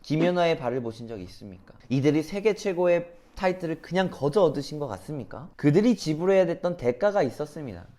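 A man preaches to young people in an earnest, direct manner. He keeps asking his listeners rhetorical questions. His voice sits slightly high for a man. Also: expressive, fast, hardly any pauses, mellow. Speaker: youth pastor. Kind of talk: sermon.

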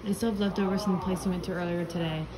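A young woman vlogging with her phone in hand, chatty and quick to laugh, talking to camera among family. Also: fairly low pitch, steady tone, rough recording. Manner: chatty, laughs easily, self-narrating to camera. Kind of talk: casual handheld vlog. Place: car, restaurant and church. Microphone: phone held in hand. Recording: busy background chatter. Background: chatter of family and friends around her.

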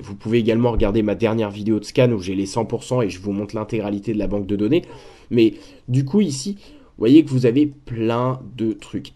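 Male walkthrough creator, mellow voice, casual and repetitive screen-share commentary. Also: medium pitch. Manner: chatty, repeats words, many fillers.

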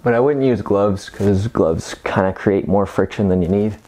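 A man in his thirties talking casually to camera as a fitness vlogger during a workout, informal and halting between efforts. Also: on the low side, warm tone. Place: home gym room, indoors.

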